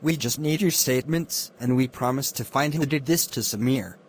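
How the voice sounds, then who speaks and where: A man's voice: mid-range voice, moderate pace, close to an everyday voice. A man as a formal police interrogator, noisy recording. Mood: businesslike. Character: formal, businesslike police officer questioning witnesses. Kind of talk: amateur murder mystery film acting.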